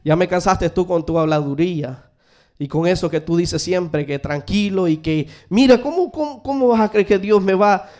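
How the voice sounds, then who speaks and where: A man's voice: high-pitched, normal speed, a little mellow, lightly acted. A man playing a hot-tempered king in a sermon story, scolding and impatient. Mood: exasperated. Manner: exasperated, scolding.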